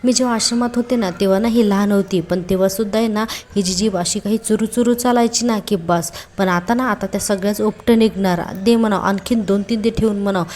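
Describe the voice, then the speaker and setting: A woman's voice: mid-range voice, fairly even intonation, a little fast, darkish tone, slight background noise, close to an everyday voice. A woman voicing a spiteful young woman villain from a TV serial, gleeful and vindictive. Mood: gloating.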